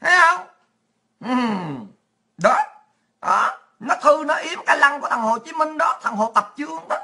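A woman's voice: high-pitched, animated, moderate pace, bright, forceful tone. A woman ranting in a coarse, mocking and sarcastic monologue as a political vlogger.

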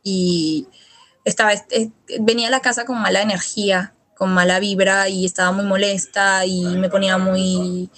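A young Latin American woman talks through her experience in a relaxed interview, voice at an ordinary middle pitch. She circles back often, restarts phrases and slips in fillers as she thinks. The sound is close and clean, on a studio mic. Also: moderate pace. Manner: hesitant, many restarts and fillers, quotes her own past words. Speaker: interview guest. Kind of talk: casual storytelling interview. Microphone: studio microphone.

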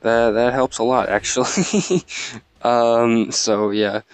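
A man's voice: medium pitch, steady tone, takes it slowly, clean tone, dry recording. A man hosting a let's play, chatting casually and rambling, mocking himself and laughing often. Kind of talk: casual gameplay commentary.

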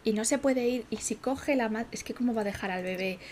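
A woman's voice: on the high side, brisk, a little mellow, a little hiss or hum. Chatty young woman streaming a game. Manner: chatty, laughing, swearing asides to viewers. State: tired. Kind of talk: casual gameplay commentary.

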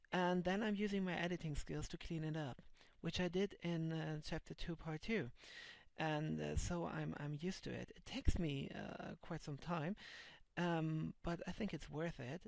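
This vlogger and comic translator is a thirty-something native German speaker whose accent comes through as he rambles casually, restarting often and leaning on fillers. His voice sits on the high side with vocal fry. The headset recording from his small, dim room has no room sound.

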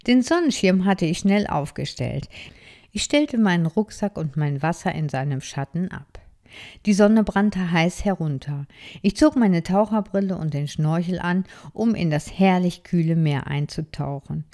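Slow gentle woman reading a children's story. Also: sits low. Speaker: story reader.

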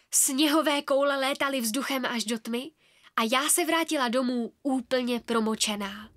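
A woman narrates a children's fairy-tale audiobook in the first person, softly and expressively. Her voice is high and sits on a close studio mic, with a dry sound and no room echo. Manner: soft, expressive storytelling.

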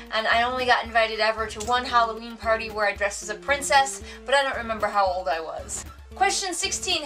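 Indoors among bookshelves at home, an American vlogger in her thirties with a Wisconsin accent works through a casual question tag video, joking dryly as she answers. The camera mic sits at a distance, catching a fairly high, pushed, bright voice.

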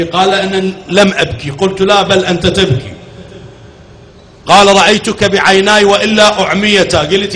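A man's voice: fairly high pitch, a bit bright. A man preaching a mourning sermon with an Iraqi accent, telling a story dramatically and acting out its dialogue with grieving cries. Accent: Iraqi Arabic. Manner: dramatic, quotes dialogue in shifting voices, grieving exclamations. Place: mourning hall. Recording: echoey hall, faint noise.

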